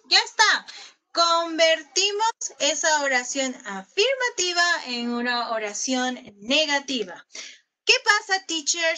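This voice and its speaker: A woman's voice: high-pitched, bright, forceful tone. A woman English teacher giving a recorded online class in Spanish, patient, often asking her pupils questions. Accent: Peruvian Spanish.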